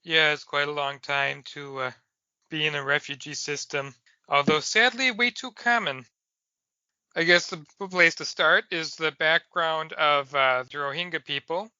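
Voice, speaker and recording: A man hosting a podcast interview, asking plain, measured questions on slightly dull podcast audio. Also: on the high side, bright, forceful tone, clear, resonant tone, no room sound. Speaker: podcast host.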